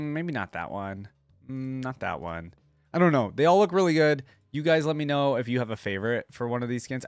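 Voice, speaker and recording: A reaction video host gives casual commentary, thinking out loud in informal, slangy language. His voice is fairly low, and there's no echo.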